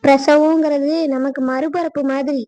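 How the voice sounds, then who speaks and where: A woman's voice: high-pitched, level tone, moderate pace, mellow, no room sound, lightly acted. A woman voicing an older aunt who soothes and gives firm orders. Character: older aunt, steady and comforting.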